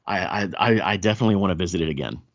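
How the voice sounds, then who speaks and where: A man's voice: low voice, lively intonation, rapid-fire. A man with a thick Southern US accent hosting a casual podcast chat, often stammering and repeating words as he goes. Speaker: podcast host. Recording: dull, roomy echo.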